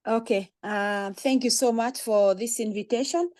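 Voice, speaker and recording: A woman from Kenya introducing herself as a panelist on a video call, friendly and halting with fillers. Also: a little high, a little mellow, no echo, studio quality. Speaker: panelist, community organizer. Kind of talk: webinar self-introduction. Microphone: video call, camera off.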